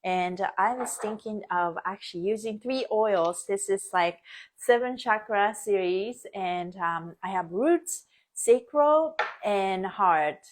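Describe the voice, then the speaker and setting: A woman's voice: medium pitch, takes it slowly. A woman born and raised in Japan, hosting a casual live stream, chatty with frequent laughs and many fillers. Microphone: phone or webcam, live stream.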